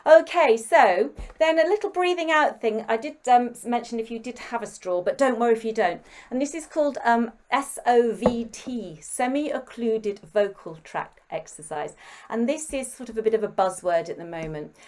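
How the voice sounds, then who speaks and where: Woman, singing teacher, warm and encouraging, guides a group through warm-ups. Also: fairly high pitch, expressive, normal speed. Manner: gentle, encouraging, coaching step by step. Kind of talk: guided breathing and vocal warm-up instruction.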